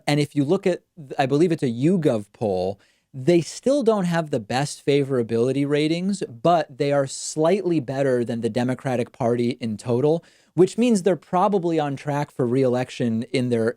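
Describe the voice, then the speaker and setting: A man's voice: medium pitch, warm tone, dry recording, clean studio sound. A man hosting a call-in show, giving unscripted political commentary in an explanatory, matter-of-fact way.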